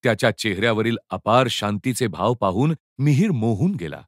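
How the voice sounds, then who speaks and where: Expressive male storybook narrator. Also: fairly low pitch, moderate pace, no room sound. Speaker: audiobook narrator. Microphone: close studio mic. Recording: dry close studio sound.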